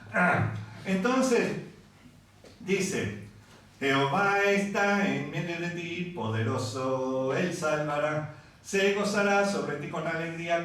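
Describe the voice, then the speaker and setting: A man from Venezuela preaching a sermon in a conversational, unhurried way and singing scripture passages in a church hall. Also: sits high, fairly bright tone. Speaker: pastor. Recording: echoey room from far off.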